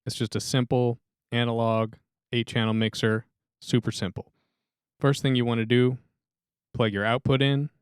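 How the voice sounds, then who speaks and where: A man with a deep voice, casually demonstrating how to use a sound mixer as a music instructor, talking through a studio microphone. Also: moderate pace, clear, resonant tone, no room sound. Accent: American. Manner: relaxed, friendly, hands-on explaining.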